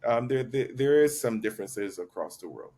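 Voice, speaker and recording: A man from Barbados, a chess master guest, explaining things in a measured way with frequent ums and restarts. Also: medium pitch, lively intonation, warm tone. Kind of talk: explanatory interview talk. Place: Barcelona.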